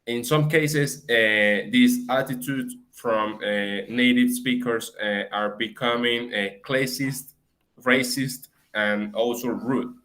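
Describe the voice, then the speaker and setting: A young man giving a class presentation, pausing often with fillers as he reads. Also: medium pitch, fairly even intonation, fairly bright tone, low-quality recording. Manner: hesitant, frequent fillers. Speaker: student presenter.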